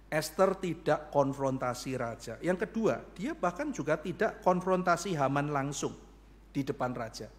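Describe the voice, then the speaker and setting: A man's voice: fairly high pitch, expressive, normal speed. A man pastor preaching a sermon, acting out dialogue in shifting voices.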